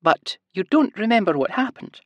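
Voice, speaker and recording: A man voicing a small, elderly, cheery Scottish woman nurse who talks in a high sing-song and leans on certain words. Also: big pitch swings, normal speed, no echo, highs cut off. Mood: sweetly cheery.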